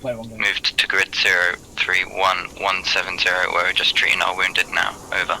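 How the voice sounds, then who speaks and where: A man's voice comes over a game radio, low and gravelly, with a sharp, forceful edge. He reports as section commander in clipped radio procedure, naming callsigns and closing each message with "over". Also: flat delivery, normal speed, a little hiss or hum, rough recording.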